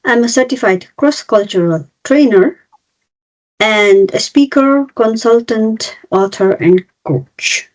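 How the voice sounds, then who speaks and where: Her voice is fairly high with lively intonation, and she speaks slowly. The speaker, a woman in her fifties from Nepal and India, is a cross-cultural trainer presenting an online webinar, breaking things down step by step amid frequent fillers and restarts. The recording is a video call with dull, lo-fi quality.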